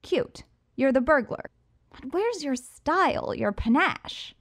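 A woman's voice: high voice, expressive, slow pace, pitched above the performer's own voice, exaggerated voice. A woman voicing a cocky, flamboyant male villain in an audiobook, speaking in a boastful, theatrical way. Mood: gleeful. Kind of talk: audiobook character voice.

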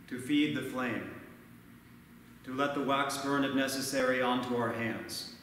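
A man in his thirties, a priest giving a measured, earnest sermon at a lectern, recorded from far off in a large church. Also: medium pitch, fairly bright tone, heavy reverb, in a large hall, a little hiss or hum. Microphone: far camera, no mic seen.

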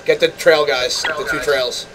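A man's voice: on the high side, fairly even intonation, measured pace, a crowd in the background. A man giving terse, directive tactical calls to teammates as flight leader in a flight sim game. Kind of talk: tactical gameplay voice chat. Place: online voice chat over a flight simulator.

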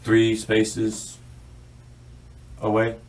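A young American man giving a halting account in a police interview, with short answers. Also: fairly low pitch, monotone, darkish tone. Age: young adult. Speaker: suspect being questioned by police. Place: small bare interview room, indoors. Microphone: distant room camera. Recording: distant surveillance microphone in interview room.

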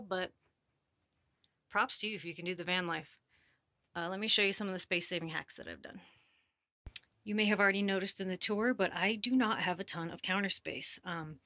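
A woman talks casually and informally through a video tour. Her voice is crisp and very bright, set a little low. It sounds close and dry, as recorded inside a small trailer. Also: no echo. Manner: informal, explanatory. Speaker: RV vlogger giving a tour.

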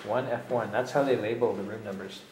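A man's voice: lowish voice, a little fast, echoey room. Nasal man joking on a noisy tour. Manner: joking, teasing commentary while walking. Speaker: vlogger touring a friend's home. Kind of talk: casual handheld tour chat. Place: apartment stairwell then city street. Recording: loud street and ambient noise.

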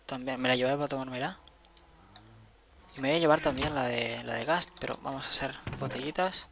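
A man giving casual, excitable let's-play commentary, thinking aloud as he plays. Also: mid-range voice, fairly quick, creaky, background noise. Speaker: gameplay commentator.

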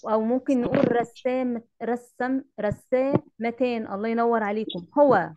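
Egyptian woman teacher, lively and patient. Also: a little high, moderate pace, lo-fi sound. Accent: Egyptian Arabic. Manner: patient, repeats rules and quizzes pupils. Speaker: Arabic teacher. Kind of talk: online class lesson. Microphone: computer mic in an online class.

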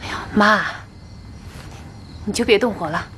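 An actress playing a younger woman of the family, coaxing others to calm down, in a TV drama. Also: mid-range voice, a little slow, natural voice. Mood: placating. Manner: placating, coaxing. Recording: loud background noise.

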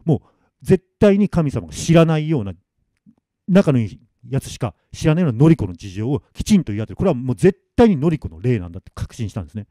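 A man telling a ghost story in a hushed, dramatic way, acting out each character's voice. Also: mid-range voice, sing-song, fast talker, no room sound. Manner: hushed, dramatic, acts out every voice.

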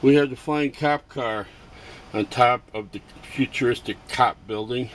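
A slow, rambling middle-aged man with a mid-range voice customizes toys and shows them off in a casual vlog. He films first-person on a handheld camera in his cluttered home workshop and garage, talking haltingly and amusing himself. The camera audio is noisy.

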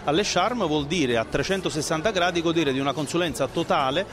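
The speaker, a middle-aged franchise consultant, explains a business as an interview guest using a handheld microphone at an indoor trade fair stand. He sounds a little high and speaks fairly quickly over background music.

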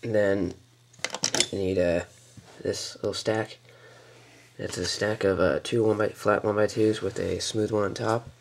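With a noticeable hiss running underneath, a deep-voiced toy building tutorial maker explains his build step by step from an indoor table, recorded via camera mic. His delivery is relaxed and halting, full of fillers, pauses, and soft mutters.

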